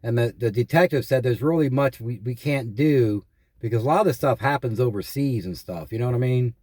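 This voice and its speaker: Here the caller's voice sits at medium pitch, brisk and a little mellow, recorded at studio quality with no echo. He's a man reporting identity theft and scam calls, complaining in an exasperated, repetitive way and quoting past exchanges in his casual anecdotes.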